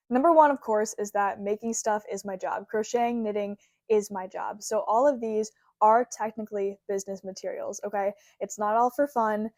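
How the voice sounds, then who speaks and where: A bubbly, chatty young woman in her 20s who makes crochet content rambles through a casual vlog, saying "like" constantly. Her mid-pitched voice is slightly worn as she gets over a cold and a sore throat. A small clip-on mic gives a close, dry, darkish sound with no echo.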